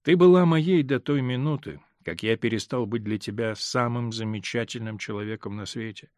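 A male reader voicing a hurt, stern middle-aged husband in an audiobook, speaking in a measured, grave way that holds back pain. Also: medium pitch, a little mellow, dry recording, studio quality, close to an everyday voice. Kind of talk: audiobook character reading.

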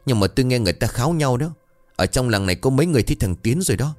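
A man's voice: medium pitch, lively intonation, racing, darkish tone, no room sound, pitched above the performer's own voice, natural voice. A man voicing a caring, talkative older wife who frets over her husband. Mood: uneasy.

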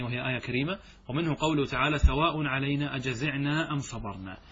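A man teaching grammar in a classroom lecture, asking questions and answering them himself, and slowly drawing out quoted examples. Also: medium pitch, fairly bright tone, breathy edge. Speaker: Islamic scholar teaching grammar. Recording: dull lo-fi recording.

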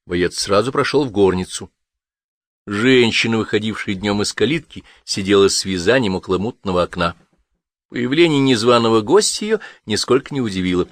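A man with a fairly low voice reads a story in a measured, steady way. The recording is close and dry, with no room sound around him. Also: no echo. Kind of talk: scripted narration.

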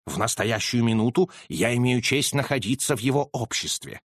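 A man voicing a calm, unflappable detective who speaks in a measured, understated way. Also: medium pitch, dry recording, studio quality, lightly acted. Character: calm, unflappable male detective, middle-aged.

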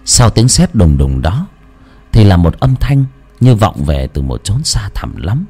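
A man narrating a ghost story in a slow, ominous, dramatic style. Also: on the low side, big pitch swings, warm tone, slightly rough, faint music behind. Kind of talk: scripted horror narration.

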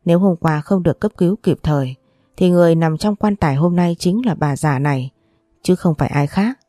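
A woman's voice: lowish voice, brisk, dark tone, no room sound, studio quality, faint music behind, lightly acted. A woman reading the part of a stern, commanding elderly grandmother in an audiobook, with a scolding, authoritative manner. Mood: grave.

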